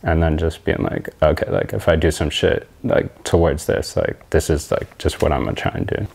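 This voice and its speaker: A man's voice: rumbling low, fairly even intonation, normal speed, gravelly, a little mellow. A young Canadian man, a designer, chatting casually in an interview, loose and slangy with lots of fillers and swearing. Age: young adult.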